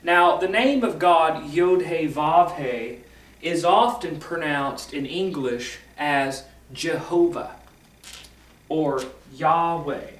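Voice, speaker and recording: A man explaining esoteric teachings in a casual, rambling lecture, correcting himself often and filling pauses with ums and uhs. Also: a little high, a bit bright, reverberant, recorded from a distance, low-quality recording. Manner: rambling, self-correcting, filler-heavy.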